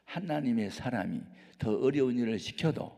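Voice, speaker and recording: A man's voice: mid-range voice, expressive, normal speed, mellow, lightly acted. A man preaching who voices a humble attendant politely reasoning with his master. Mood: pleading. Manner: polite, deferential. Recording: reverberant hall.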